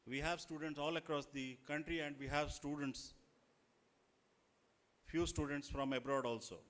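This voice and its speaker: A man with an Indian accent gives a formal, deferential public speech in deliberate short phrases. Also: a little high, steady tone. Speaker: school chairman addressing a chief guest.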